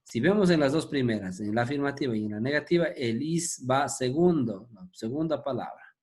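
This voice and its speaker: A man's voice: mid-range voice, expressive, moderate pace, a little mellow. A man teaching English grammar to a class, patient and methodical, checking in with his students as he goes.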